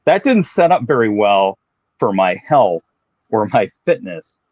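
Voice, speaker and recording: A deep-voiced man in his late fifties talks through his fitness journey with easygoing, self-mocking humor. The sound is dry and a bit dull, as if recorded close in a dead room. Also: measured pace, no room sound. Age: 50s. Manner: relaxed, self-deprecating, explanatory. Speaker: guest, fitness professional. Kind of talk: casual interview storytelling.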